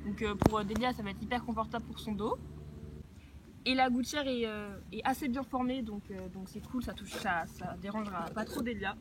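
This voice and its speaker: A woman's voice: medium pitch, brisk. A young woman chatting casually and enthusiastically while unboxing outdoors near horses, with plenty of fillers. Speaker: equestrian vlogger. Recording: noisy outdoor ambience.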